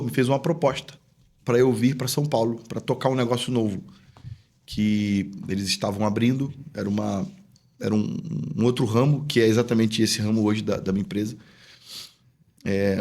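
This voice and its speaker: His voice is lowish and a little mellow. As a podcast guest, the man, a pastor who runs a business, shares a personal story in a relaxed, sincere, chatty manner and voices the dialogue as he recalls it.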